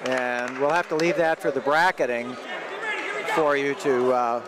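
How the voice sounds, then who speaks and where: A play-by-play announcer gives rambling, explanatory live wrestling commentary for radio from a large indoor sports arena. His medium-pitched voice is a little slow, set against loud crowd and gym noise with the bouncing and thuds of a tournament.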